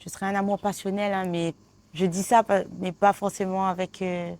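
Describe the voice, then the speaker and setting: A woman's voice: medium pitch, level tone, moderate pace, a little mellow. A woman from La with a lisp that makes her s slushy, chatting informally as an interview guest and thinking aloud. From La Réunion. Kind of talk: casual chat.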